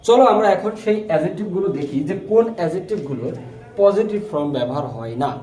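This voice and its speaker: Fast, high-voiced man teaching grammar. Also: expressive, warm tone, roomy sound. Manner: questions and answers himself, repeats key words. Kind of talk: recorded classroom-style lesson.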